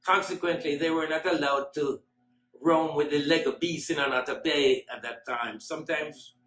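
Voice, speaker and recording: A man, sharing fond memories at a memorial with a light, self-mocking humor. His voice sits a little high for a man. The sound rings around a large school hall. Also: fairly even intonation, normal speed, a bit bright. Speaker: eulogist. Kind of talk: memorial eulogy. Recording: echoey hall.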